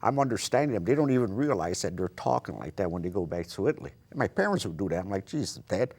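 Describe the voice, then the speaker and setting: Deep, husky, fast-talking middle-aged man. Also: very animated, darkish tone. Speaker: guest. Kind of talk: casual studio chat.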